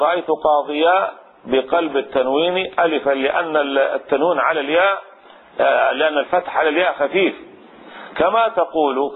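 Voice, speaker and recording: A man's voice: mid-range voice, slightly rough. A man teaching Arabic grammar in a traditional lesson, explaining step by step with many repeats and restarts. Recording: tinny phone-like radio sound.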